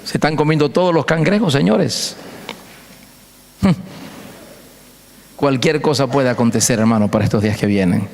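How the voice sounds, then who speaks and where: A man's voice: mid-range voice, normal speed, long pauses, darkish tone. A man preaching a sermon as pastor, emphatic and storytelling, leaning on repeated phrases to drive each point home. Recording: long hall reverb.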